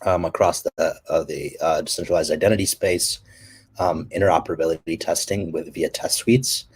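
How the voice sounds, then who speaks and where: A man presenting his company's standards work and answering questions, speaking haltingly with many fillers and restarts. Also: deep voice, steady tone, husky. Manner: halting, many ums and restarts, coughs between phrases. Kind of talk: technical presentation and Q&A.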